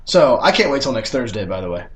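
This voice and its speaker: A man's voice: medium pitch, big pitch swings, quick pace. A young man hosting a casual sports podcast, blunt and teasing, swearing freely as he talks. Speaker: podcast host.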